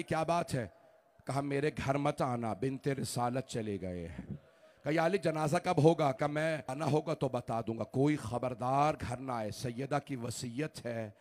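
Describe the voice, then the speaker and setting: A man delivering a mourning sermon at a Shia majlis, swinging from hushed, grieving recitation to wailing, shouted lament. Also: medium pitch.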